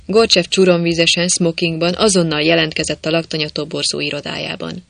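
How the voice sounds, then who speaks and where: A man's voice: fairly high pitch, vocal fry, no room sound. Man narrating a story, dry close sound. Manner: lively storytelling, voicing quoted characters. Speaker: audiobook narrator. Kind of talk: scripted narration.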